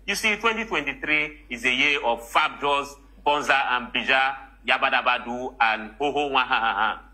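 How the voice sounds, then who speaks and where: A man plays a pompous, pedantic academic in a comedy street interview. His Nigerian-accented voice is extremely bright and forceful at a middling pitch, and he stacks up grand words with great self-importance. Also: moderate pace, a little hiss or hum, poor audio. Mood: exuberant. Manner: pompous, verbose, piling up synonyms. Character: pedantic male academic showing off absurd highfalutin vocabulary.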